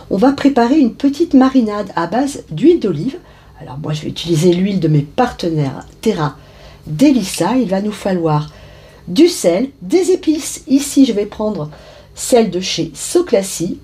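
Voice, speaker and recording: A woman's voice: on the high side, warm tone. A woman hosting her own cooking channel, chatting directly to viewers as she walks through a recipe step by step. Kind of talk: casual recipe narration.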